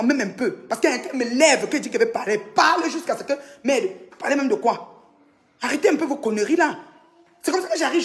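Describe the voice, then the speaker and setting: A woman from Cameroon in an angry social media rant, scolding and mocking, swinging between loud outbursts and low mutters.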